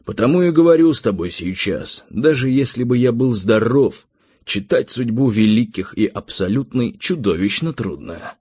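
A man voicing a calm, weary male tiger spirit who speaks gravely and matter-of-factly in an audiobook. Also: medium pitch, moderate pace, dry recording, clean studio sound. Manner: quiet, grave, matter-of-fact. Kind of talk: audiobook character reading.

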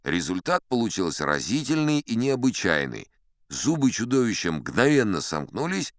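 An actor playing a pompous old sea captain, telling tall tales in a theatrical audiobook style with chatty asides. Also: male voice, mid-range voice, dry recording, studio quality, close to an everyday voice. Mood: dramatic, suspenseful. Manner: pompous, conversational asides to a young listener. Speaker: audiobook performer narrating as a character. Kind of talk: theatrical first-person storytelling from an adventure audiobook.

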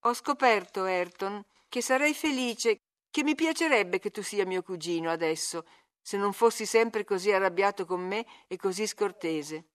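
A woman's voice: mid-range voice, moderate pace, natural voice. A woman reading aloud, voicing a petulant, teasing young woman who turns pleading with her cousin. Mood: insistent. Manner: needling, then tearfully pleading.

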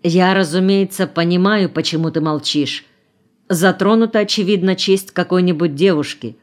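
A woman reading an audiobook voices a composed, stern grown man who speaks in a measured, authoritative way. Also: on the low side, lightly acted. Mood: calm firm.

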